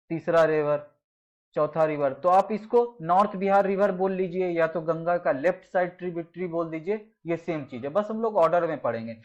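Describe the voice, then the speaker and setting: A man's voice: sits high, lo-fi sound. A man teaching a slide-based geography lesson for exam prep, mixing in English phrases and repeating key names in lists.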